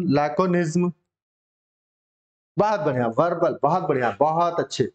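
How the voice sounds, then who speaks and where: A man's voice: sits high, darkish tone. A male English vocabulary teacher, drilling words with students in a casual, encouraging coaching-class manner. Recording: dull lo-fi sound.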